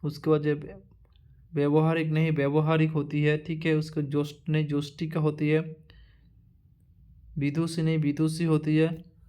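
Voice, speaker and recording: Man drilling a word list, flat and higher. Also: clean tone. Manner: repetitive drilling, halting restarts. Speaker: teacher. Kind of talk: exam-prep lesson reading a word list.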